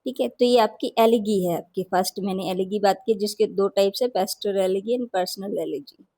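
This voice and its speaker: A woman's voice: mid-range voice, normal speed, mellow, no echo. A woman hosting an exam-prep lesson, explaining patiently and repeating key points with frequent "theek hai" checks. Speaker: teacher and channel host.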